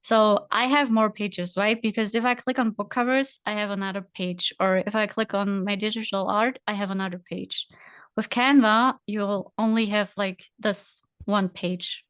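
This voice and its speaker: Woman demoing software, smooth and hesitant. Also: mid-range voice, level tone, normal speed, few pauses, no room sound. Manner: hesitant, many fillers, talks through on-screen steps. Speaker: guest presenter. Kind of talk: casual screen-share tutorial.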